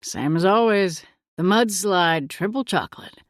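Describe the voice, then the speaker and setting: Teasing laid-back surfer dad, low and relaxed, as a female narrator puts him on; dry, close read. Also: measured pace, dry recording. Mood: easy teasing. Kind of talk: audiobook character voice.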